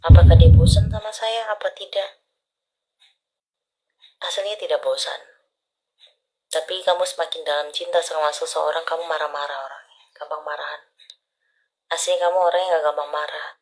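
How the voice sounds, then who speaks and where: A woman's voice: deep voice, fairly even intonation, moderate pace, pauses often, darkish tone, low-quality recording. A woman doing palm readings for a caller on a live stream, talking intimately and often dropping to a whisper. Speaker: palm reader.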